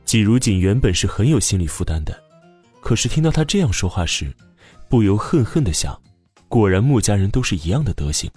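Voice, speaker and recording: A man narrates a romance audiobook with a low, slightly husky voice. His pitch moves widely as he tells the story, giving it a lively, expressive lilt. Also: fairly quick, faint music behind.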